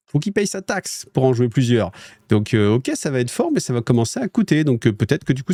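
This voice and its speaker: A man's voice: mid-range voice, a little mellow, no room sound, clean studio sound. A French man hosting a wargaming news show, chatting casually with viewers in a rambling way, with lots of fillers and restarts. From France.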